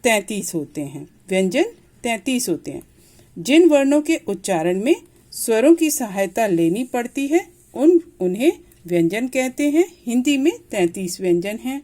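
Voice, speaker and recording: A woman's voice: fairly high pitch, very animated, normal speed, warm tone. A woman teaching a Hindi grammar lesson, patiently repeating each point and sounding out letters one by one. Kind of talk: classroom lesson explaining letters.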